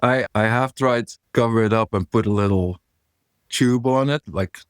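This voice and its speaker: A man guest in a casual interview, talking through his vocal gear in a relaxed, rambling way. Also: on the low side, moderate pace, clear, resonant tone, no room sound, clean studio sound.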